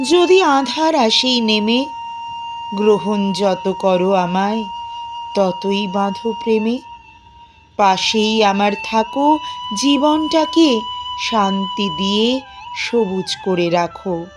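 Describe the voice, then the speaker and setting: Over background music, a woman delivers a dramatic poetry recitation, her medium-pitched voice plaintive and full of emotion, broken by long pauses.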